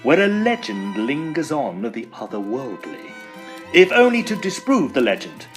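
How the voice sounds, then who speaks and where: In a playful period audio drama, a man portrays a genial but fussy Edwardian estate agent, narrating in first person and speaking in dialogue. His mid-range voice swoops wildly in pitch at normal speed, using formal, wordy, old-fashioned phrasing, with soft music behind him and a measured storytelling feel.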